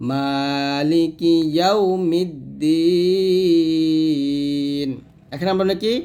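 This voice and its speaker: Male recitation teacher with a slightly high voice, methodical, spelling letter by letter, then chanting slowly. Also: a little mellow. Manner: spells out letters and vowel marks one by one; quick explanations broken by slow drawn-out recitation. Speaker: Quran reading teacher. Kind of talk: step-by-step recitation lesson.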